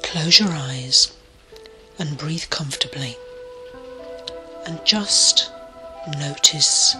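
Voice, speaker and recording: A woman guides a relaxation meditation, her voice soft and unhurried and often sinking to a breathy half-whisper. She speaks at a very slow, gentle pace in a fairly low register. Calm music plays clearly underneath her. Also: rough recording. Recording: clear music bed behind the voice.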